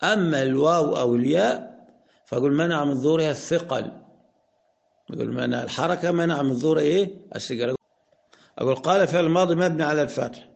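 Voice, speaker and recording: A man with an Egyptian accent teaching Arabic grammar. He asks questions, answers them himself, and slows down to spell out example sentences. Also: fairly high pitch, creaky. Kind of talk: explanatory lesson.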